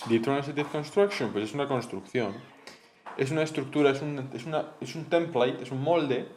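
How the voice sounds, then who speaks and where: Young guy going over class notes, chatty and rambly, lots of "¿no?", kinda mid-pitched. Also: slight background noise. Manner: chatty, rambling, with frequent fillers and "¿no?" checks. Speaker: student explaining course material. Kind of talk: casual spoken study lesson.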